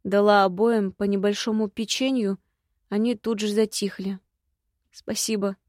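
A woman narrating an audiobook as scripted narration, reading in an even, measured way. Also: medium pitch, no room sound, studio quality.

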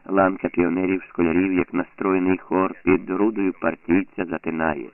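Deep gravelly male audiobook narrator. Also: little pitch movement, moderate pace. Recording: tinny lo-fi phone-like sound.

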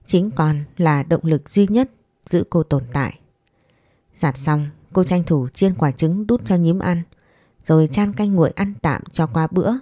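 A woman host narrating a romance story in a calm, even storytelling manner. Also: low voice, a little slow, dry recording, studio quality.

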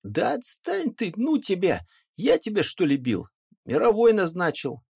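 A man's voice: high-pitched, wildly swooping pitch, slow, husky, pitched above the performer's own voice, exaggerated voice. A man voicing a sly old peasant who answers in a teasing, sing-song way in an audiobook.

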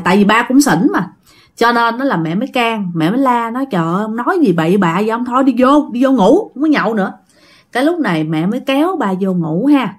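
Woman, Southern Vietnamese accent, slightly high voice, chatty casual ghost storyteller who talks to her audience. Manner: chatty, addresses listeners directly.

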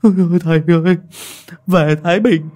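A man's voice: sits high, moderate pace, a little mellow, pitched above the performer's own voice, close to an everyday voice. A man voicing a terrified old male ex-convict who shrieks and begs for help. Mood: pleading. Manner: shrieking, wailing, begging.

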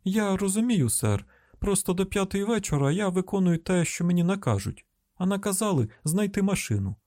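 A man's voice: big pitch swings, fairly quick, mellow, no echo. Brief: male narrator voicing a young woman trainee, sweet and deferential, dry close sound. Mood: polite. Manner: raised pitch, sweet deferential phone voice. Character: young woman FBI trainee, polite, quick-witted.

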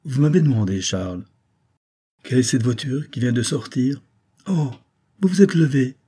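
A man voicing a gentle, elegant middle-aged noblewoman who pleads and reproaches in an audiobook. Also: mid-range voice, animated, normal speed, slightly rough, pitched above the performer's own voice. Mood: reproachful. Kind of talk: audiobook character voice.

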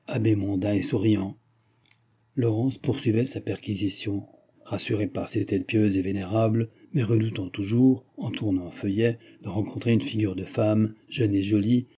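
Man, audiobook narrator, measured delivery, very dark tone, husky voice. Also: on the low side. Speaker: audiobook reader.

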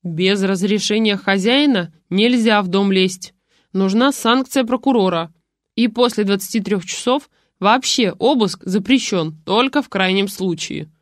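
A grumpy old man living alone in a shack, grumbling short, folksy replies and brushing off his visitors, as a woman reads his lines. The voice sits at a middling pitch and sounds dry and close. This is storybook narration. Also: unhurried, no room sound, close to an everyday voice.

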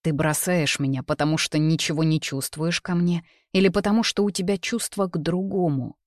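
Logan, a reader voicing an insistent young suitor. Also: male voice, fairly high pitch, steady tone, normal speed, no room sound, clean studio sound, natural voice. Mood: hurt. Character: young man, persistent jealous suitor. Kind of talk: audiobook character reading.

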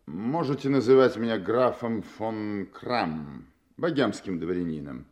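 A man's voice: lowish voice, animated, unhurried, a little mellow. An actor playing a proud, imperious king in a Russian audio play, stately, formal and commanding. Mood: haughty, guarded. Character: proud, imperious masked king posing as a count.

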